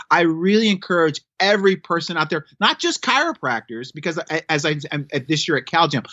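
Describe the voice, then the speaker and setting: Emphatic bright-voiced man in his fifties. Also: on the high side, no room sound. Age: 50s. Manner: emphatic, preachy. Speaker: chiropractor guest. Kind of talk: casual podcast chat. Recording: dull lo-fi sound.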